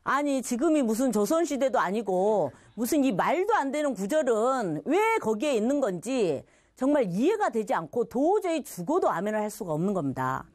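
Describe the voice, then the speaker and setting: Middle-aged woman telling her church testimony, highish voice, bouncy storyteller, dry close sound. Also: very animated, normal speed, hardly any pauses, a little mellow, no echo. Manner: storytelling with quoted voices and laughter. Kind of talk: personal testimony.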